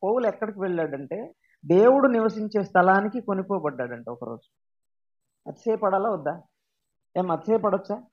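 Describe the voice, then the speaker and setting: A man with a Telugu accent preaches a sermon, keeps asking the congregation questions and then pushes his points home with sudden emphasis. His voice sits very high for a man. The recording sounds dull and lo-fi. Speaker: pastor.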